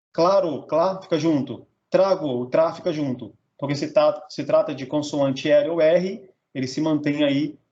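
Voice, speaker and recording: A man's voice: fairly high pitch, darkish tone, highs cut off. A Brazilian man teaching a grammar lesson, sounding out words syllable by syllable and checking in with "tá?" and "beleza?". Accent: Brazilian Portuguese.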